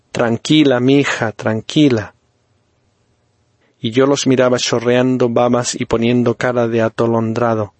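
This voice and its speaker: A man from reading a first-person story slowly and deliberately, with dry irony. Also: medium pitch, darkish tone, dry recording. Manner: slow, deliberate, ironic storytelling. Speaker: narrator.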